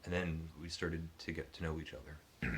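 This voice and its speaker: A man's voice: extremely low pitch, steady tone, moderate pace, a little hiss or hum. A man hosting his book channel, casually telling a personal story to the camera with many ums and restarts. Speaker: booktube channel host.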